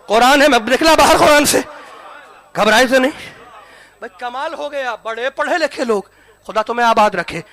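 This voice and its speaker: A man delivers a fiery sermon in a strikingly high, bright voice with a gravelly edge. He hammers his points with repetition, shouting out lines and then dropping to near-whispers. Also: pauses often. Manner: shouting, repetitive oratory, swinging between loud and hushed. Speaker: religious orator. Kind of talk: impassioned sermon. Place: mosque hall, live gathering.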